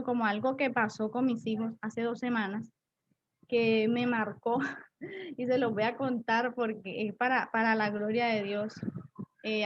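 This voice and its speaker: A woman's voice: on the high side, lo-fi sound, slight background noise. A woman giving an earnest church testimony, often repeating and restarting her phrases. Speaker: pastor's wife giving testimony.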